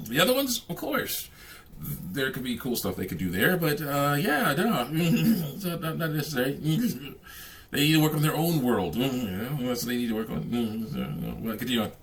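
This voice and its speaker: Commenting casually on a game as it happens, this man speaks in a slightly high, somewhat bright voice. He rambles haltingly, humming and chuckling frequently.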